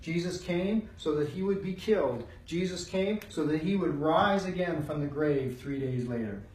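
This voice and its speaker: A man's voice: a little high, moderate pace, a little mellow. A man teaching a Bible study, driving his points home through repeated phrases. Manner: emphatic, repeats phrases for weight. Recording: roomy sound from a distant mic.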